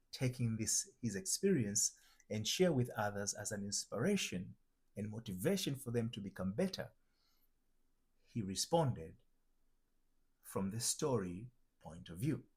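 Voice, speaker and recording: This is a motivational teaching monologue from a male identity transformation coach from Tanzania, whose mid-range voice sounds husky and darkish. He reflects as he speaks, circling back to restate points and repeating or restarting phrases along the way.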